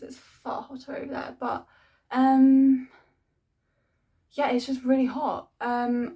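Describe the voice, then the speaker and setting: Young woman doing a chatty fitness vlog, kinda high voice, rambly, says like and honestly loads. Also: darkish tone. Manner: rambling, informal, frequent "like" and "honestly". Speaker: fitness vlogger. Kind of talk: casual, chatty video diary.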